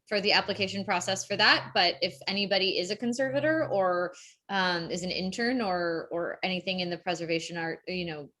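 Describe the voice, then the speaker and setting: A woman addresses an event audience in a loose, rambling way, starting and stopping often and leaning on fillers. Her pitch is in a middle range, and she keeps a friendly, informal tone. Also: sharp tone. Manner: rambling and hesitant, with many fillers and restarts. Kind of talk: casual presentation at a public event.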